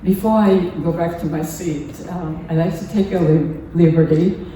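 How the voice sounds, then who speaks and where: In a temple hall during a service, an older native Japanese speaker with a Japanese accent shares her personal testimony as a lay speaker. Her voice is lowish, steady and mellow, and she speaks haltingly and earnestly, breaking off mid-phrase often. The mic is distant, the room echoes, and there's faint background noise.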